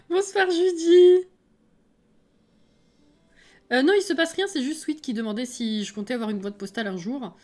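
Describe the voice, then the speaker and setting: A woman's voice: a little high, lively intonation, quick pace, hardly any pauses. Chatty self-mocking French woman streamer. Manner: chatty and self-mocking, laughing often, rambling with hesitations. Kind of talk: casual live-stream chat, reading and answering viewers.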